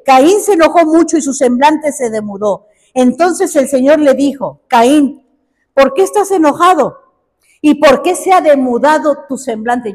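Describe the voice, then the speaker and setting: A woman's voice: high voice, darkish tone, big-room sound. A woman preaching a sermon, speaking expressively and putting rhetorical questions to the congregation.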